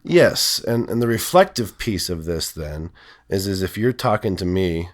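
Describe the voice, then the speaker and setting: A male counselor with a voice lowered by illness, explaining in a rambling, hesitant way full of fillers. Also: expressive, unhurried, dry recording, studio quality. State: sick, voice lowered from strep throat. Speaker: counselor and podcast co-host. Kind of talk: casual podcast conversation.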